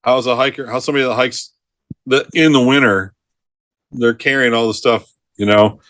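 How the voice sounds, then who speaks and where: A man's voice: mid-range voice, normal speed, no echo. Middle-aged man telling rescue stories, dry sound. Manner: lively storyteller who laughs mid-sentence and acts out quotes. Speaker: retired forest ranger, podcast guest. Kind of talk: storytelling in a casual interview.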